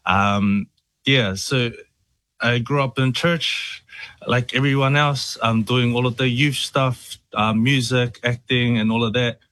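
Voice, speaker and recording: A man's voice: mid-range voice, fairly even intonation, slow pace, fairly bright tone, dry recording. Young male musician guest, from New Zealand, easygoing chat, dry close sound. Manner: easygoing, many fillers. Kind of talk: casual interview.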